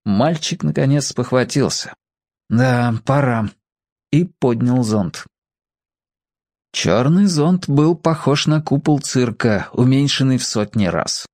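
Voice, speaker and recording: A man's voice: medium pitch, darkish tone, dry recording, studio quality. A man reading a children's story aloud, expressively giving each character a voice of their own.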